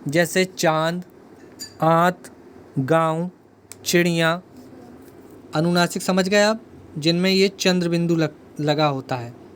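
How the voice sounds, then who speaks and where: A man with a high voice teaches an exam-prep grammar lesson. He explains step by step, repeats key terms and puts questions to the viewer. A faint hiss runs under the recording.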